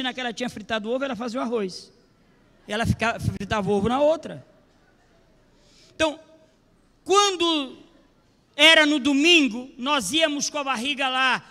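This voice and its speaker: An older male pastor telling his own life story in a sermon, animated and acting out the quotes. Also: very high-pitched. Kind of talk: sermon testimony. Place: church. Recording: long church reverb.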